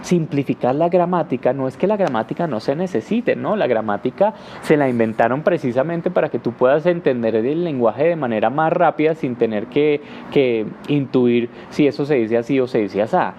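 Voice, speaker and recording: A man with a warm, mellow voice answers learners' questions as an English teacher, talking through ideas with "eh" fillers and restarts. He demonstrates speech rhythm by chanting "ta ta ta". The recording is a little muffled, with faint street traffic behind him. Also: medium pitch, normal speed, few pauses. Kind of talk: live Q&A lesson.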